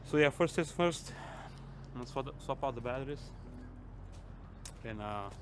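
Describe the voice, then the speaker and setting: A man's voice: mid-range voice, expressive, normal speed. A man giving a casual trucker vlog, his speech slightly impeded by wearing braces. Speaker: trucker vlogger. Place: truck at a dealer lot. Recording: clear background noise, truck and vehicle ambience.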